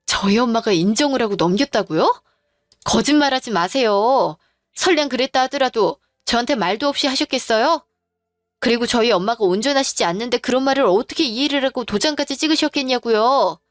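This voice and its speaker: A woman's voice: fairly high pitch, expressive, brisk, no echo, clean studio sound, close to an everyday voice. A woman voicing an angry wife who firmly confronts her husband and in-laws in a dramatized story. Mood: outraged. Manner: firm, demanding, accusing.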